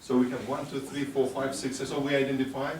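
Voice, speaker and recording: A male speaker with a mid-range, slightly mellow voice addresses a youth conference in a brisk, encouraging but hesitant manner, with little pitch movement. It's a motivational speech with audience questions, given in a large echoing hall at a conference ceremony and recorded far from the mic amid background noise.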